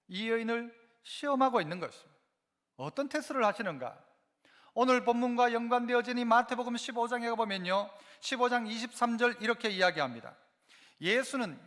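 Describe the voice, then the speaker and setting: A man, a pastor preaching a Sunday sermon and quizzing his congregation with rhetorical questions. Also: very high voice. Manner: animated, asks the congregation frequent rhetorical questions. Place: church sanctuary. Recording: long church hall reverb.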